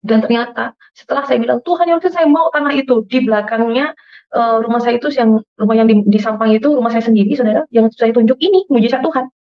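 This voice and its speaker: Middle-aged woman from Madura, fairly high voice with some gravel, emotional testimony, dull lo-fi recording. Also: fairly even intonation, quick pace. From Madura, Indonesia. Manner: emotional, addresses listeners as "saudara". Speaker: testimony speaker. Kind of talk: personal faith testimony.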